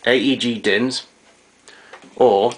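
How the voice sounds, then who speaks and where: Speaking slowly and steadily at a medium pitch, this vintage tape recorder collector demonstrates his equipment in a domestic kitchen. His walkthrough is unscripted, hands-on and matter-of-fact, with a collector's way of explaining. The noisy sound comes from an amateur camera.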